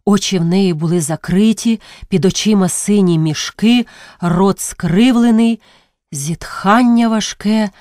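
A woman reading a classic novel aloud as a narrator, measured and dramatic. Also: medium pitch, darkish tone, no room sound, clean studio sound. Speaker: audiobook narrator. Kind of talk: expressive literary narration.

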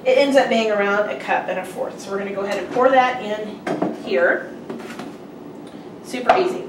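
A middle-aged woman with a medium-pitched voice and a normal pace hosts a casual cooking demo in her home kitchen, chatty and upbeat with loose instructions. A far-off camera picks her up, so the kitchen sounds echoey, with background noise and clattering dishes.

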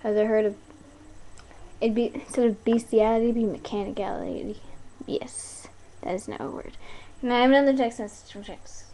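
This young woman video blogger talks casually to a webcam in a small indoor bedroom, her rambling playful and informal with frequent digressions. Her voice is on the high side and dark-toned, fairly even in intonation, at a moderate pace. Audio from the nearby webcam mic is noisy and cheap.

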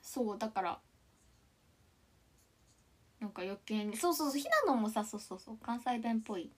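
Chatting casually on a livestream, a young Ishikawa woman in her twenties giggles and reads comments aloud. Her pitch is fairly high and her tone darkish, at a normal speed. Her accent is mostly standard Japanese, with Kansai touches creeping in.

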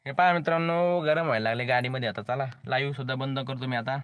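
A man's voice: mid-range voice, fairly even intonation, fast, a bit bright, clean tone. A man hosting a casual live stream from inside a car, thanking viewers over and over in a friendly, repetitive way.

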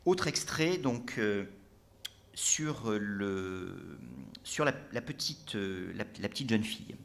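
A man's voice: on the low side, expressive, slow pace, creaky. A man giving a talk about a book in a library lecture room, hesitant and full of fillers and restarts, before reading extracts aloud.

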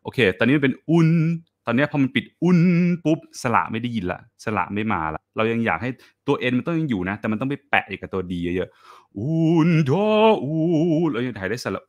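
A man's voice: mid-range voice, expressive, moderate pace, few pauses. Man coaching classical singing, demonstrating aloud. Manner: mixes English and Italian music terms into his speech; friendly, encouraging. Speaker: voice teacher. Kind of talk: online classical singing masterclass.

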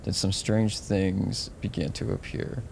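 A man's voice: deep voice, flat delivery, a little slow, vocal fry, a little mellow. A man in his thirties muttering casual commentary and exasperated asides as he streams a horror game, reading out dialogue. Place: small home room, indoors. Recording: faint game noise behind voice.

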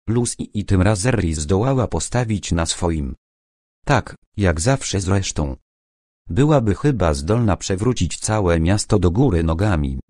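A man reads an audiobook with a very deep voice, measured and even. He takes his time over each sentence. The recording is dry and close. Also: dry recording. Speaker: audiobook narrator. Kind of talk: scripted audiobook narration.

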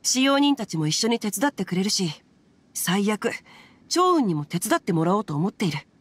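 A woman's voice: medium pitch, very animated, moderate pace, slightly rough. A woman voicing a witty young nobleman swordsman in a video game, breezy and glib. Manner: glib, breezy, proverb-quoting.

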